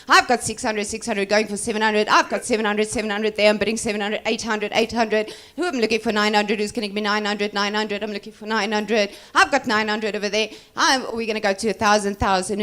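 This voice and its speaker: A woman's voice: mid-range voice, fairly bright tone. Female auctioneer, medium register, presents items and repeats bid figures. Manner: repeats numbers while calling bids.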